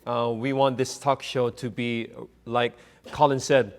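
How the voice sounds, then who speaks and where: A man's voice: mid-range voice, flat delivery, measured pace. Playful Texan-raised American man hosting. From Texas, USA. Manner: playful, jokey, many fillers. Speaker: talk show host. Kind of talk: casual talk show chat.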